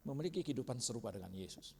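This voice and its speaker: Man teaching a lively church class. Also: mid-range voice, racing, vocal fry, a little hiss or hum. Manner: quizzes the audience constantly. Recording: reverberant hall.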